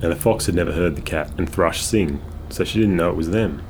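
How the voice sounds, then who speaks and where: A man reading a children's storybook aloud in a measured, expressive way. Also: sits low. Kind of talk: scripted storybook narration. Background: guitar music.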